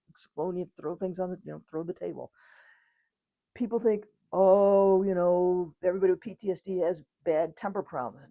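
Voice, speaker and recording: Woman doctor, plain conversational explainer, warm low voice. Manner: conversational, acts out quotes, occasional laughs. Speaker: physician explaining trauma. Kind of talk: informal educational talk.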